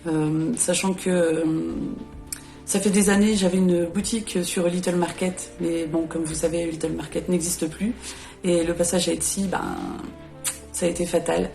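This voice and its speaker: Gravelly-voiced woman in her late thirties, hesitant. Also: on the low side, fairly even intonation, moderate pace, mellow, soft background music. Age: 30s. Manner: hesitant, lots of fillers and self-corrections. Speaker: YouTuber presenting her channel. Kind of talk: casual vlog talk to camera.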